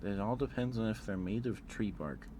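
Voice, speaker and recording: A man streams ASMR, ranking things in casual chat, hesitant and repeating himself as he thinks out loud. He speaks at normal speed in a fairly low voice, with background noise present.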